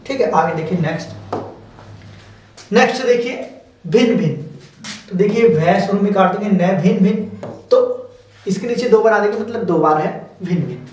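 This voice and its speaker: A man's voice: high-pitched, normal speed, pauses often, a little mellow. A man teaching shorthand step by step, explaining patiently and repeating each word as he goes. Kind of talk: step-by-step stenography lesson. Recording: very echoey room, mic far off.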